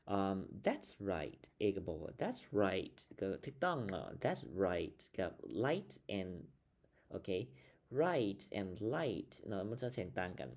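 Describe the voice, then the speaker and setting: A man's voice: deep voice, big pitch swings, slow, darkish tone. A man with a Lao accent teaching English vocabulary in a casual lesson, spelling words out letter by letter, recorded on a computer's built-in microphone. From Laos.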